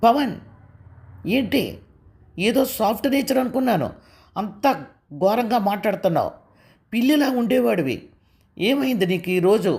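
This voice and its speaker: A woman voicing a sharp-tongued, proud young wife who talks in a raised, cutting way. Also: medium pitch, animated, moderate pace, pauses often, pitched above the performer's own voice, close to an everyday voice. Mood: scornful.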